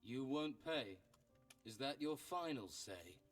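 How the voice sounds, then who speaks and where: An actor playing a terse, unfazed adventurer in a video game, speaking in a curt, matter-of-fact way. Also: male voice, medium pitch, expressive, slow, far from the mic, faint music behind. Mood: cool, blunt. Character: blunt, terse male adventurer hero, cool and unfazed.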